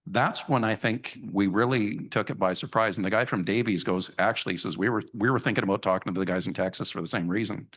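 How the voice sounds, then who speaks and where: Man from Alberta, deep-ish voice, moderates a panel and tells folksy stories. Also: fast talker, few pauses, fairly bright tone. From Alberta, Canada. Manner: folksy, anecdotal storyteller. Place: conference hall stage.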